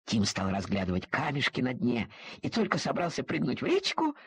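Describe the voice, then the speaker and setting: A narrator telling a children's storybook, lively and speaking to the listeners directly. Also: medium pitch, a little fast, husky.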